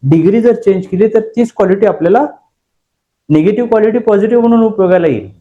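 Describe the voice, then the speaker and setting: A man's voice: high voice, animated, fast talker, dark tone, muffled recording. A male course trainer giving a motivational lecture to a class, speaking emphatically, telling personal stories and often asking the room rhetorical questions. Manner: tells personal stories with dramatized inner voices.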